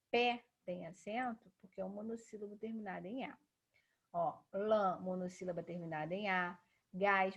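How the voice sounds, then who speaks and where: Husky Brazilian woman teaching grammar. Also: mid-range voice. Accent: Brazilian Portuguese. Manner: patient, explanatory, frequent tag questions. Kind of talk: classroom grammar lesson.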